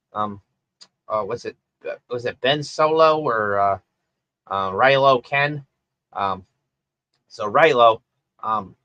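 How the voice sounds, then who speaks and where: A man's voice: medium pitch, bright, forceful tone, dry recording. A man talking in a casual, rambling rant, full of fillers and restarts, as he reviews a film.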